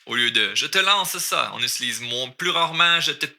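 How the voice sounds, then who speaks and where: A man's voice: on the high side, expressive, pushed and bright. A man with a Québécois accent teaching French, explaining lyrics line by line and switching between French and English. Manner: mixes French and English, repeats words slowly.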